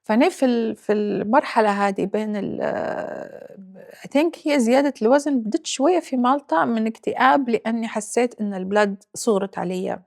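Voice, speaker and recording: A Libyan-accented woman in her forties tells her story in an interview. She is reflective and halting, slipping English phrases in as she goes. Her voice has a gravelly, creaky texture. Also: a little high, lively intonation, darkish tone. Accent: Libyan Arabic. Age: 40s. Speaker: guest. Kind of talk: personal interview.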